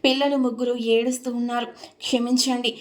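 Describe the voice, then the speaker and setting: A woman narrator voices an ashamed young woman in a storybook, tearful and apologetic. Her voice is slightly high and narrow in range. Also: level tone, a little fast, lightly acted. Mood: remorseful.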